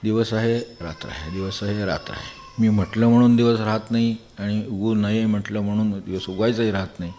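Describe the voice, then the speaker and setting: An older man from Maharashtra delivers a devotional discourse in a somewhat low voice. He talks in a loose, conversational way, wandering into everyday examples and chuckling softly as he explains. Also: fairly quick, few pauses, slight background noise. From Maharashtra, India. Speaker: spiritual discourse speaker.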